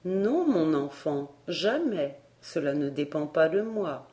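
A serene fairy governess, as a woman reader puts her on, speaking in a slow, unhurried storybook voice. Her tone is low and mellow, calm and measured throughout. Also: full character voice.

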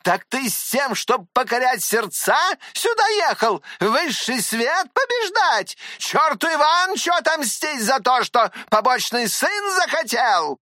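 A reader putting on a hot-tempered middle-aged woman who scolds in a high, shrill, lively voice. She exclaims and rails, her pitch jumping around sharply in this audiobook reading. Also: measured pace, hardly any pauses, no echo, studio quality, full character voice. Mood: scolding.

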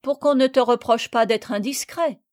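A fair-minded boy from a storybook, voiced by a woman reader. He speaks calmly and gives way with good grace. The voice is fairly high and dry. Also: moderate pace, no room sound, lightly acted.

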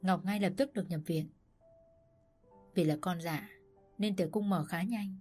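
A woman narrating a novel as an audiobook in a steady, dramatic storytelling manner. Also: on the low side, measured pace, faint music behind.

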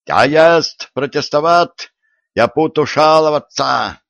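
A man's voice: a little high, slow, vocal fry, a bit bright, dry recording, voice pushed up, full character voice. Man doing a german-accented clumsy foreigner, broken grammar, dull dry audiobook sound. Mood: protesting. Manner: mangled grammar, comic foreign lilt.

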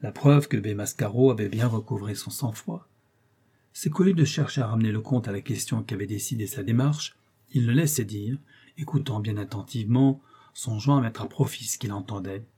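A man narrating a classic novel as an audiobook, in a measured, low-key storytelling voice. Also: warm tone, husky.

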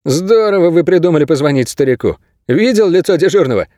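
A man voicing a wary, blunt young prisoner in an audiobook, sharp and questioning. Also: fairly high pitch, expressive, brisk, no echo, clean studio sound, pitched above the performer's own voice, natural voice. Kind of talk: audiobook character voice.

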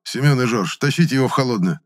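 A man voicing a brash young male squad leader who talks in sharp, mocking, commanding bursts. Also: mid-range voice, lively intonation, quick pace, voice pushed up, lightly acted.

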